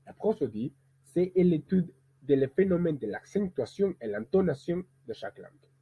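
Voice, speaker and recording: A man who is a musician, teaching pronunciation and speaking as a learned language, who demonstrates rhythm slowly and deliberately. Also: fairly high pitch, very animated, breathy edge. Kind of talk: explanatory lesson. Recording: tinny, phone-like sound.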